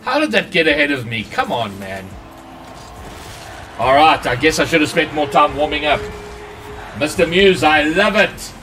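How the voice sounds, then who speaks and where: A man's voice: on the high side, big pitch swings, moderate pace, pauses often, bright, forceful tone, far from the mic, soft background music. A man commenting on his own gameplay during a live stream, his voice run through a voice changer. He chats with viewers between plays and swears when things go wrong. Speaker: gaming streamer.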